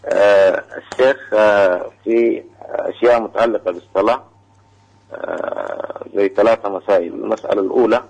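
A man calling in to a radio show, asking a religious question about prayer, hesitant with many pauses and fillers. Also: on the low side, fairly even intonation, gravelly, a little mellow, slightly rough, rough recording. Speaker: caller.

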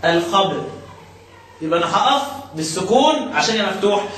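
A man with an Egyptian Arabic accent teaching Quran recitation rules step by step, questioning his student and drawing out recited verses slowly. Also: sits high, animated, a bit bright, slight background noise. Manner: questioning, step-by-step explaining, slow drawn-out recitation. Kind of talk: tajweed lesson with a student. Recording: very echoey room, mic far off.

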